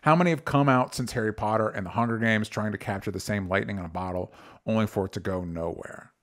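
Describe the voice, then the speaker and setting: A man's voice: fairly low pitch, fast talker, fairly bright tone. A man co-hosting a movie podcast, talking casually with frequent fillers and restarts. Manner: chatty, hesitant with fillers and restarts. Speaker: podcast co-host.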